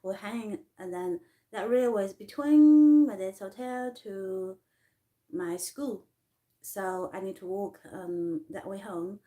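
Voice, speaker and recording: A woman with a Chinese accent, a non-native English speaker, telling her life story in a personal vlog, halting and full of fillers and restarts. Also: mid-range voice, mellow. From China. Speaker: artist vlogger.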